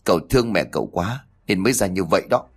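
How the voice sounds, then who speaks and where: A gruff older uncle voiced by a man scolds bluntly and quickly. His voice sits low. It is part of a read-aloud story. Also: expressive, full character voice. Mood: reproachful.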